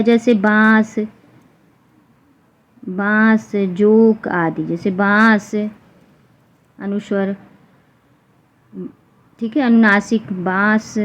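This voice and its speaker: A woman teacher explaining a grammar lesson for exam students, repeating example sounds slowly one by one. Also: a little high. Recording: dull lo-fi recording with faint noise.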